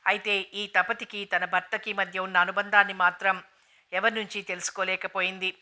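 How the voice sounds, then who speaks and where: A woman narrating a novel in a steady, even storytelling manner, in an audiobook reading. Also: mid-range voice, normal speed.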